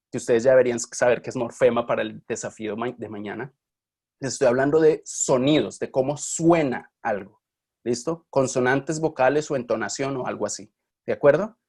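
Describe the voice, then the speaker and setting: Lecturing casually to his online university class, a man with a medium-pitched, slightly mellow voice teaches Spanish linguistics. He is chatty and regularly stops to check in with students by asking questions.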